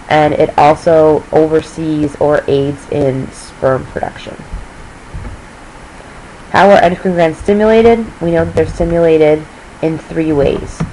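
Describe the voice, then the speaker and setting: A woman's voice: low-pitched, warm tone, a little hiss or hum, poor audio. A woman teacher explaining a lesson review, losing her voice and checking in with her students as she goes. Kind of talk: recorded lecture review.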